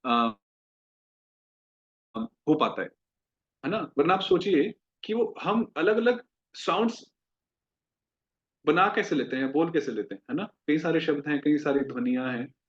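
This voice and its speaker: Slow, patient male Sanskrit teacher. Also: a little high, animated. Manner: slow, drawn-out demonstration of each word; explains patiently with questions to listeners. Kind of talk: classroom lesson. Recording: dull lo-fi recording.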